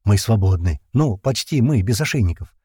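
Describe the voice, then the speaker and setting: Casting: male first-person narrator, tense and colloquial, mellow dark timbre, dry close sound. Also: lowish voice, lively intonation, moderate pace, slightly rough, dry recording. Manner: tense, colloquial storytelling with slang. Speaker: audiobook narrator.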